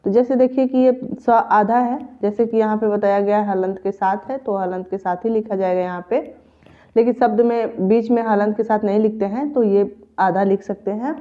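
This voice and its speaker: A woman's voice: mid-range voice, fairly even intonation, moderate pace. A woman teaching a grammar lesson for exam preparation, patiently repeating each example step by step. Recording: tinny phone-like audio.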